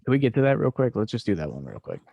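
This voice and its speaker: A man with a low, gravelly voice hosts a podcast and reacts to his show's old episodes. He talks casually and bluntly and pokes fun at himself. The sound is close and dry. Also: huge pitch swings, racing, warm tone, dry recording, dull audio. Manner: blunt, laid-back and self-mocking. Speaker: podcast host.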